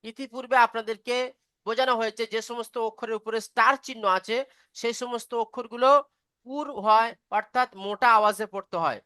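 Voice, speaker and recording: A woman's voice: fairly high pitch, steady tone, fairly quick, sharp tone, no room sound, studio quality. A woman teaching a beginner reading class online, patiently explaining step by step and asking if students follow.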